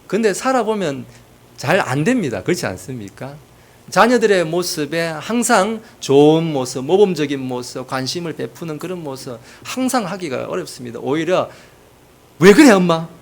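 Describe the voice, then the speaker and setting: Lively storytelling male pastor. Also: a little high, moderate pace, creaky. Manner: storytelling with humor and acted quotes. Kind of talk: sermon.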